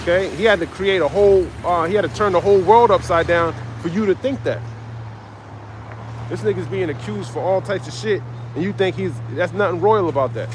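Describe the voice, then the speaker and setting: On a live stream, a street preacher with a voice that sits high reads scripture and explains it briskly, confrontational and profane in tone. Slight background noise can be heard.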